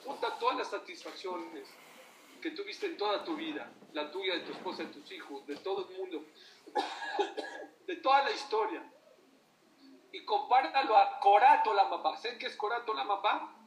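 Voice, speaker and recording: High-voiced man preaching. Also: normal speed, slight background noise. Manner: animated storytelling, asks the audience questions. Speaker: religious teacher. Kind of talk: sermon. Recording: echoey room from far off.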